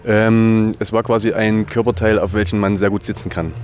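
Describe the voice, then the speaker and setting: Low-voiced man with dry humor. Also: normal speed, soft background music. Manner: relaxed, dry humor, filler "ähm". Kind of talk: casual interview answers. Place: outdoors at a music festival.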